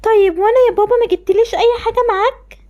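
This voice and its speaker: A woman's voice: very high-pitched, very fast, mellow, dull audio. A woman with an Egyptian accent voicing a sad young girl rejected by her family, in a voiced game-animation story, tearful and pleading. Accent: Egyptian Arabic.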